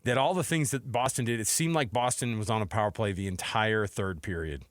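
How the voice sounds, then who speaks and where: In a radio studio, a middle-aged American sports host talks about games in a relaxed, conversational way with casual commentary. He has a lowish voice and a brisk delivery. The close broadcast microphone gives studio quality with no room sound.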